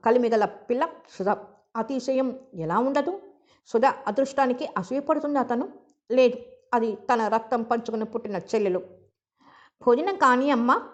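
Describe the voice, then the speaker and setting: A woman narrating a story in a measured storytelling manner. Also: on the high side. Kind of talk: audiobook narration. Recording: muffled lo-fi recording.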